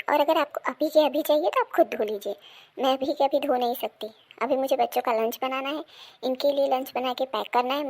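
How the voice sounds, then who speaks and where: A woman's voice: high voice, darkish tone. A woman playing an overworked young daughter-in-law who grumbles and defends herself in an amateur family drama.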